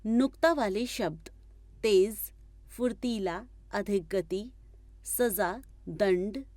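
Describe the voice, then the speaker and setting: A woman's voice: mid-range voice, drawn-out words, a little mellow, no echo. A woman reading a grammar textbook aloud as a lesson, going through word lists one at a time.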